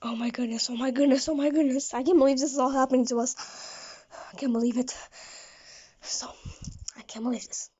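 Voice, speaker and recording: A woman's voice: high-pitched, fairly even intonation, brisk, long pauses, warm tone, husky. A woman narrating an improvised fan story in a rambling way, often restarting her sentences. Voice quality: rambling, frequent restarts and stumbles. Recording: dull lo-fi recording.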